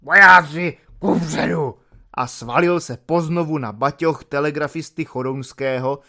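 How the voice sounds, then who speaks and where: A man narrating a novel as an audiobook in a lively, expressive storytelling manner. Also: medium pitch.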